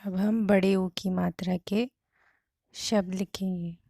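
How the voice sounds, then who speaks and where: A woman teaching a Hindi vowel-sign lesson, sounding out each word slowly and deliberately. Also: medium pitch, fairly even intonation, vocal fry, dark tone, no echo, studio quality.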